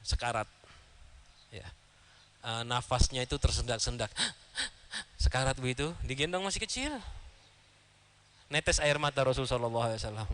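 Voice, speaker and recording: A man giving a sermon in a large mosque, telling stories lively and acting out the dialogue with chuckles. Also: mid-range voice. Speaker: preacher.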